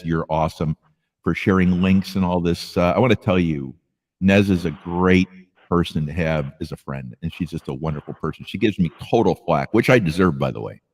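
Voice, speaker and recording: A man's voice: sits low, in a large hall. A man hosting a casual live stream, rambling along and thanking viewers by name.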